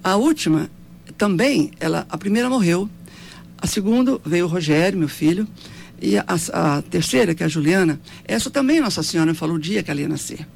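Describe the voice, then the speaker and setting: A woman's voice: lowish voice, animated, fairly quick, vocal fry, darkish tone, slight background noise. A woman in her seventies with a Brazilian accent, telling her life story in an interview in an earnest, devout way, often ending with tag questions. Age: 70s.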